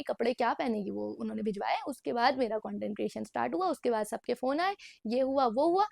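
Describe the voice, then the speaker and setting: A young woman in her twenties chats through a personal story for her vlog, talking casually at night in a room with a dry, close sound. Her voice sits a bit high and carries a gravelly crackle, and she keeps mixing English phrases into her Hindi. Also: darkish tone, no echo. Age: 20s. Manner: chatty, mixes English phrases into Hindi and keeps saying "bhai". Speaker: vlogger.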